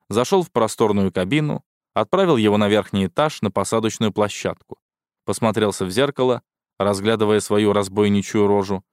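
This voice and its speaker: A man's voice: lowish voice, no room sound, clean studio sound. A man reading a first-person science fiction audiobook in a wry, sardonic tone. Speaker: audiobook narrator. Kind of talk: scripted first-person sci-fi narration.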